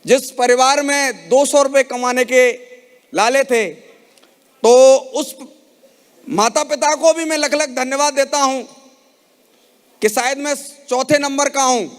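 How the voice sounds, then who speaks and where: A man's voice: very high voice, fairly bright tone, clear, resonant tone. A man giving an emotional motivational speech on stage at a network marketing event, rallying the audience with questions. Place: large event hall. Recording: reverberant hall sound.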